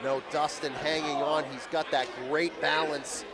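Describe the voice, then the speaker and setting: A man works as a wrestling commentator, calling the action live in a high voice. His delivery is dramatic and emphatic. A very loud crowd and heavy venue noise surround him. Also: flat delivery, measured pace.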